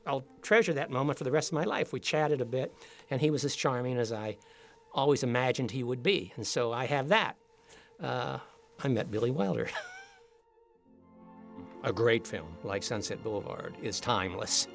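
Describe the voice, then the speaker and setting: An older man, once a police officer and now an author, reflects on a classic film in a relaxed, conversational way. His voice sits at an ordinary middle pitch. Soft music plays faintly beneath him. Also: normal speed, vocal fry, pauses often. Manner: warm-hearted, reminiscing, conversational. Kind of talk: reflective interview commentary.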